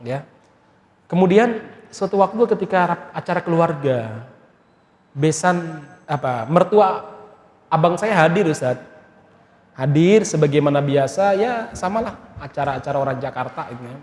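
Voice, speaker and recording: A man from Indonesia's Malay region giving a sermon as a preacher, telling stories in a lively way with friendly asides to the congregation. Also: on the high side, normal speed, long pauses. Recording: echoey hall with long reverb.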